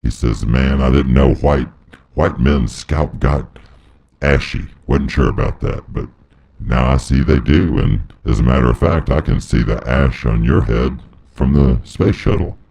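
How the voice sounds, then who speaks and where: A comedy performer delivers a rambling, deadpan monologue of absurd musings at a measured pace. His voice runs through a voice transformer pitch shifter, which makes it sound electronically deepened and gravelly.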